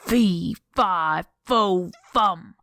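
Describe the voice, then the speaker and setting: A woman putting on a low, gruff ogre. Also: extremely slow, fairly bright tone, no echo, clean studio sound, heavily acted. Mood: menacing. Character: huge gruff male ogre, greedy and menacing.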